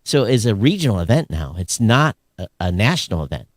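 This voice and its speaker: A man's voice: on the low side, big pitch swings, brisk, no room sound, clean studio sound. A man co-hosting a live podcast, rambling and grumbling like an old curmudgeon while he chats and reads out listener comments. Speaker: podcast co-host.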